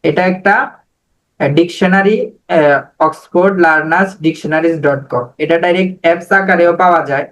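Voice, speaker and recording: High-pitched male teacher on a video call, patient, drills words one by one. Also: fairly even intonation, fairly quick, fairly bright tone, poor audio. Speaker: online English teacher. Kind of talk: live online class teaching.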